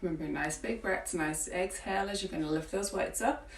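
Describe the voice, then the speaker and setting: A woman fitness coach leading a home workout, encouraging and cueing breaths, with a morning croaky voice. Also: on the low side, brisk, slight background noise. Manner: encouraging, counting through exercises. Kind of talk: guided home workout instruction. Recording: roomy, from a distance with faint ambience.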